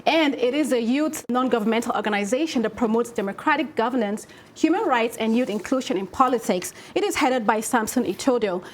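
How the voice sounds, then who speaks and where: A woman's voice: fairly high pitch, animated, fairly quick, few pauses, a little hiss or hum. A woman co-hosting a talk show, explaining things in a panel discussion.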